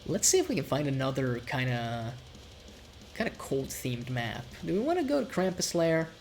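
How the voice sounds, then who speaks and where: A man with a nasal, congested voice from a cold, giving rambling, relaxed commentary while streaming a game. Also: medium pitch, normal speed, a little hiss or hum. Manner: rambling, relaxed, swears casually. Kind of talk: casual gameplay commentary.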